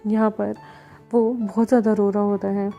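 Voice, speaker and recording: A woman storyteller reading a fan fiction story aloud in steady narration. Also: medium pitch, normal speed, creaky, muffled recording, soft background music.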